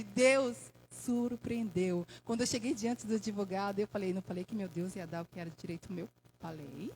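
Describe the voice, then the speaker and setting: A woman's voice: medium pitch, a little hiss or hum, rough recording. A Brazilian woman giving an emotional testimony in church, preaching with fervor and calling for amens. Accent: Brazilian Portuguese. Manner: impassioned, preaching with call-and-response "amém".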